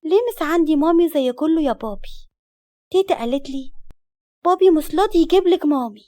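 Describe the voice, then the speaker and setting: A woman voicing a sweet, curious little girl, speaking with an Egyptian accent in a high, childlike, pleading way. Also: expressive, fast, dark tone, dry recording, studio quality. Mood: sad. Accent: Egyptian Arabic.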